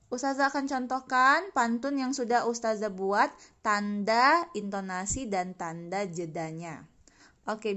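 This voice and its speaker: A woman's voice: medium pitch, fairly bright tone. A young woman teaching an online lesson to children, cheerfully asking questions and answering them herself. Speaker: religious school teacher.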